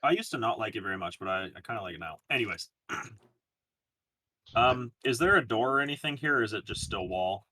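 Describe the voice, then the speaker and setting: A man's voice: on the low side, lively intonation, brisk, sharp tone, breathy edge, dry recording. A man chatting casually as a player in a tabletop game, rambling and hesitant with many fillers.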